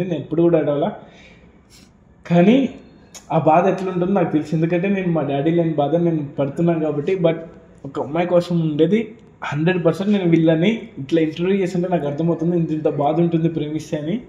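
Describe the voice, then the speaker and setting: A man's voice: fairly high pitch, fast, warm tone. A young man interviewing a guest, coaxing him to open up and giving advice to his viewers. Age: young adult. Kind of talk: street interview. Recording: roomy, dull lo-fi sound.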